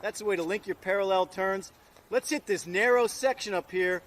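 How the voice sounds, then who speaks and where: A man's voice: high voice, normal speed, fairly bright tone. A man working as a ski instructor, coaching informally and encouragingly in short instructions out on a slope. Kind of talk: ski lesson demonstrated on the slope.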